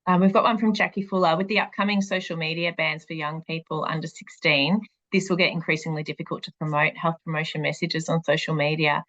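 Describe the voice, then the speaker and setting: Woman host, lowish voice, muffled lo-fi video call audio. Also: steady tone, fast, a bit bright. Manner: reads out questions from chat. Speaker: webinar host. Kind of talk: moderating an online Q&A.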